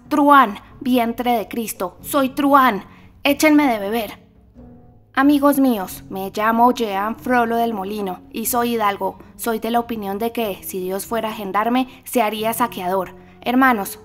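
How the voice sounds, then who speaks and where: A woman voicing a rowdy, boastful young male student rogue in armor for an audiobook, shouting with drunken bravado. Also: a little high, close to an everyday voice.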